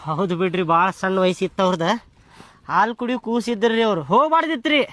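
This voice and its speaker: A man's voice: high-pitched, big pitch swings, a little fast, a bit bright. A man with a North Karnataka accent in a comic village skit, answering in mock-grieving, drawling replies. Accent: North Karnataka Kannada.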